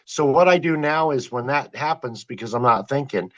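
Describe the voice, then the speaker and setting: A man guesting on a podcast, telling his wildlife camera stories in an animated, excited way. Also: mid-range voice, normal speed, lo-fi sound. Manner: excited, animated retelling with quoted exclamations. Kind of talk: storytelling in a podcast interview.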